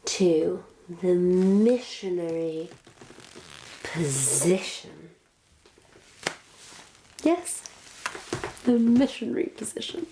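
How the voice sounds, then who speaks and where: A woman plays a sly, smug witch posing as a missionary, delivering a theatrical, condescending monologue to a captive listener, teasing and savoring each word with long pauses. Her voice is medium-pitched and dark with vocal fry. The recording has a roomy echo and faint background noise.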